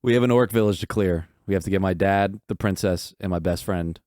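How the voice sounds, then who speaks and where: A man's voice: deep voice, brisk, darkish tone, no room sound, studio quality. A man playing a tabletop game in a brash, confident way. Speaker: player. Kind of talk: casual game talk.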